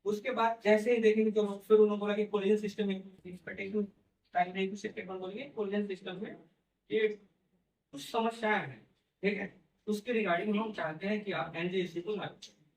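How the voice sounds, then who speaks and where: A man lectures to a classroom, talking through each point step by step and checking in with his students as he goes. His voice sits high for a man. He has no microphone, so he sounds distant and the room echoes around him. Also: steady tone, moderate pace. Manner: explains step by step, repeats "theek hai" and "hai na". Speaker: teacher. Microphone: no microphone, far from the recorder.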